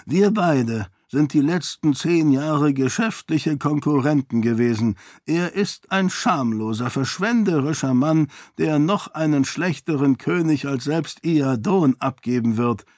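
A man's voice: a little high, lively intonation, unhurried, few pauses, darkish tone, no echo, studio quality, voice pushed up. Man voicing a grave old duke.

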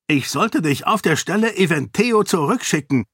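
A man's voice: high voice, expressive, normal speed, husky, dry recording, studio quality, pitched above the performer's own voice, full character voice. Man doing a snapping, angry fantasy king. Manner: snapping, scornful, loud. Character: irritable greedy middle-aged king, quick-tempered.

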